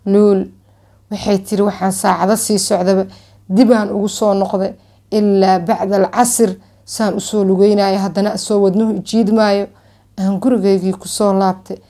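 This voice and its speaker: A woman's voice: mid-range voice, flat delivery, moderate pace, mellow. A young woman with a Somali accent tells a dramatic story to camera, emphatically, drawing out words and retelling dialogue. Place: small furnished room at home, indoors.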